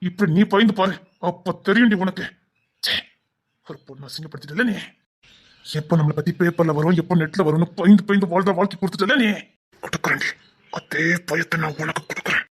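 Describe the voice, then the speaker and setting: A man with a Tirunelveli Tamil accent, voicing a wronged and vengeful husband in a dubbed family drama, scolding bitterly. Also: fairly quick. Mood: guarded. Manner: bitter, scolding, swinging between shouts and low mutters.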